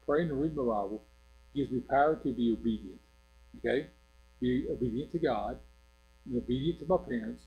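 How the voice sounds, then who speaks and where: Older preacher, mellow rambling voice. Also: male voice, mid-range voice, muffled recording, a little hiss or hum. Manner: rambling, conversational, keeps checking in with "Okay?". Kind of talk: informal sermon. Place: church.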